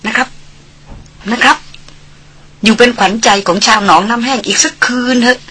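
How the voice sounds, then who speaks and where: Woman reader doing a male hunter figure, quiet and coaxing, gently teasing, for an audiobook. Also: on the high side, moderate pace, husky, pitched above the performer's own voice. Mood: pleading. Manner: soft, polite, coaxing. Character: male jungle hunter, easygoing, teasing and polite.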